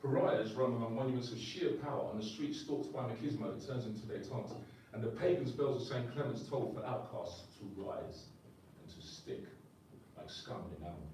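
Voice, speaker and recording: A man's voice: mid-range voice, moderate pace, darkish tone, slight background noise. A man performing slam poetry live, with a rhythmic, emphatic spoken-word delivery. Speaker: poet. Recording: echoey room, distant mic, faint ambience.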